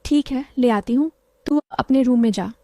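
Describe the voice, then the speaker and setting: एक महिला कहानी में एक शरारती, छेड़ने वाली युवा विवाहित बहन की आवाज़ देती है।. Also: female voice, high-pitched, normal speed, mellow, no echo. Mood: irritated. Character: playful teasing young married woman, sister.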